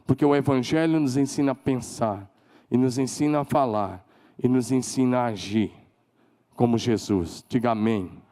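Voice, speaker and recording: A man with a Brazilian Portuguese accent preaching a sermon as pastor, emphatic, leading call-and-response and climbing to shouted declarations. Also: mid-range voice, normal speed. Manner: leads the congregation in call-and-response.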